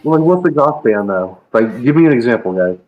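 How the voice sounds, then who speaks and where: A man's voice: mid-range voice, expressive, fairly quick, phone-quality sound, faint music behind. A man in a casual group chat, talking laid-back with lots of "like" and asking questions.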